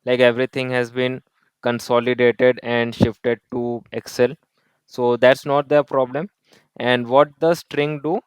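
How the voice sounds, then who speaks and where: A man's voice: medium pitch, clear, resonant tone, no room sound. A man teaching a coding lesson. He explains each step, repeats key points and drops in Hindi tag words. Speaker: coding tutor. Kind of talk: screen-recorded coding lesson.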